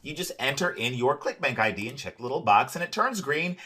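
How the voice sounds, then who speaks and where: A man walks viewers through a software dashboard in a bright, salesy tone, with his voice sitting at a middling pitch. He keeps checking in with "right?" and scatters "uh" through his sentences. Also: expressive, a little fast, husky. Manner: upbeat salesy, repeats "right?" and "uh". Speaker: product demonstrator. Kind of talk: screen-share software walkthrough.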